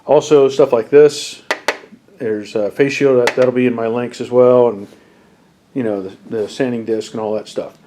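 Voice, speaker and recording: Stuffed up with a head cold, this garage channel host in his fifties strolls through his car build at home in a casual workshop walkthrough. He talks plainly and easily, with fillers, in a mid-range voice at a moderate pace, with slight background noise.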